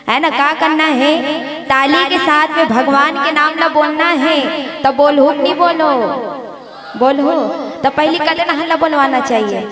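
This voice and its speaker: Chhattisgarhi woman leading devotional chants. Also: high voice. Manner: teasing, coaxing the audience with repeated questions. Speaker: Ramayana singer leading the crowd. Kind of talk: devotional singing and crowd call-and-response. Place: outdoor religious stage gathering. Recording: echoey live stage sound with music.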